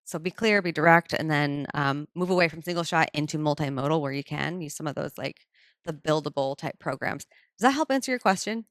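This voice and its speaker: A woman's voice: deep voice, fairly quick, fairly bright tone, dry recording, studio quality. A woman speaking on a panel to a live audience, chatty and full of fillers. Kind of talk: casual talk to a live audience.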